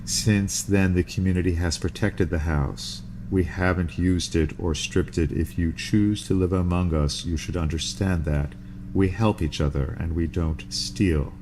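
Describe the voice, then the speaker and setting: A man's voice: low voice, a little slow, noisy background. A man voicing a middle-aged father who speaks evenly and keeps his temper, in a read-aloud novel. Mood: calm firm. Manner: even, steady, restrained.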